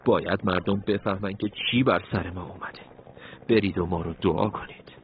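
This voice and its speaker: A man's voice: deep voice, steady tone, phone-quality sound, a little hiss or hum, natural voice. A man voicing a resolute military commander who earnestly urges women to leave. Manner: urging, earnest. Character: resolute male military commander, grave, fatherly.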